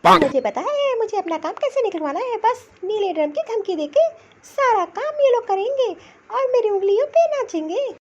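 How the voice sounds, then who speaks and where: A woman's voice: very high-pitched, very animated, normal speed, few pauses. A woman voicing a smug, bossy young daughter-in-law in a cartoon, who gives orders in a sweetly taunting way. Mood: scheming. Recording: dull lo-fi sound.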